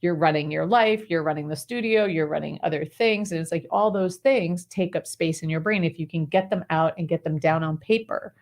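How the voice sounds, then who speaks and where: Woman, guest coach, interview conversation, slightly low voice, animated, breezy, casual fillers. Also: brisk, few pauses. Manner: animated, breezy storyteller using many fillers like "like" and "right". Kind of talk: interview conversation, giving advice.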